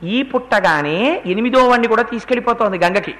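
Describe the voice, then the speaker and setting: A man delivering a religious story discourse in a high, bright voice. He retells the epic in an animated, dramatic way and slips into the characters' speech as he goes. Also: brisk. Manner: animated, acts out the quoted speech.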